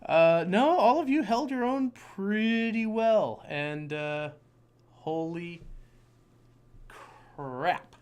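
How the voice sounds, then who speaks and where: A male game master with a voice pitched a little high for a man. He talks excitably, swears freely and trips over his own words as he narrates a tabletop session. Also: slow pace, few pauses, clear, resonant tone.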